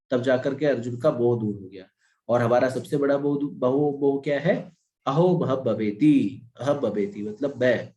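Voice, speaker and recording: A man's voice: medium pitch, echoey room. A man giving a devotional scripture class, asking questions and answering them himself. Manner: animated, asks and answers own questions. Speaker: Gita teacher.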